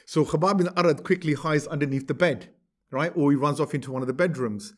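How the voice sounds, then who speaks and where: A man's voice: on the high side, fast talker. A man, teaching a class by retelling a story in a conversational way, often checking in with the listeners. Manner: conversational, asks "right?" to check in. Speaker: religious teacher. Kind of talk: storytelling lecture.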